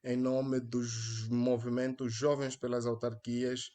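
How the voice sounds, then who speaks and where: There's a warm tone to this young man's medium-pitched, flat, slow voice as he hosts a solo live stream via a headset mic. Earnest and hesitant, he leans on many fillers and restarts, and he has an Angolan Portuguese accent.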